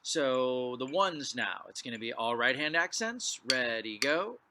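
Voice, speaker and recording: A man's voice: medium pitch, animated, measured pace. A man teaching a drumline clinic, explaining exercises and calling count-offs before he plays. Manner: counts off loudly before playing. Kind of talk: percussion lesson.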